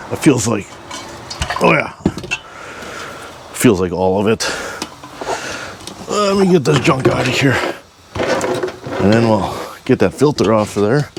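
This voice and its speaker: A man's voice: mid-range voice, creaky. A man narrating casually while wrestling with a boat engine, grumbling wryly to himself and strained from the cramped spot. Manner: grumbling, wry, talks to himself while working. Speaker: DIY mechanic vlogger. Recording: noisy workshop recording.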